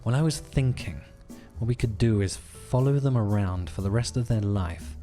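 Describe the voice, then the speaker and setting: A sleepy man co-hosts a late-night podcast and trades easy jokes with his friend. His voice sits low and warm, and faint music plays behind him. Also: moderate pace. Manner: sleepy, joking banter. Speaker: podcast co-host. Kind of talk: casual late-night chat.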